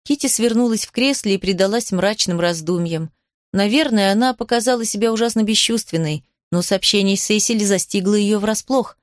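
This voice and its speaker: A woman reading a novel aloud in an even, measured narration. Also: mid-range voice, no echo, clean studio sound. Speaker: audiobook narrator.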